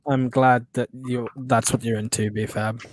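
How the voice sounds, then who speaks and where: A man's voice: medium pitch, level tone, a little slow, slight background noise. A young man chatting casually on a call, rambling and laughing often. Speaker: guest YouTuber. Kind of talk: casual stream chat.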